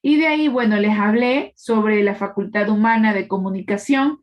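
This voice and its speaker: A woman's voice: medium pitch, normal speed, lo-fi sound. Woman teaching a live online class. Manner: explanatory, checks in with tag questions.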